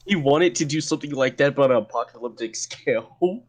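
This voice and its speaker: A podcast co-host in casual chat, explaining things matter-of-factly and slipping in dark jokes. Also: male voice, mid-range voice, fairly quick.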